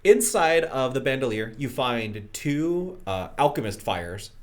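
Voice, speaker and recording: A man narrating as game master of a tabletop game, descriptive and quick to laugh, with many fillers. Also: mid-range voice, very animated.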